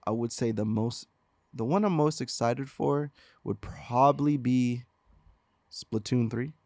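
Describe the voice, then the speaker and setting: A man's voice: mid-range voice, a little slow, a little mellow, no echo, studio quality. A man co-hosting a casual gaming podcast, talking in a rambling way with many fillers and restarts. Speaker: podcast co-host. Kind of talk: casual chat.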